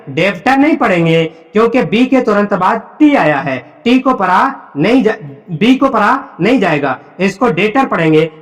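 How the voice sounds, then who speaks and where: A man teaching an English spelling lesson, spelling words out letter by letter and quizzing pupils with repeated questions. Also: high voice. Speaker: English teacher at a coaching center. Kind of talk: classroom lesson.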